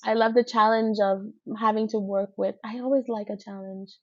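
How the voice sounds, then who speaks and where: A woman with a New York accent, talking casually as a podcast guest about her work as a fashion designer, chatty and quick to laugh. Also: a little high, steady tone, muffled recording. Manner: chatty, laughs easily, quotes her own thoughts.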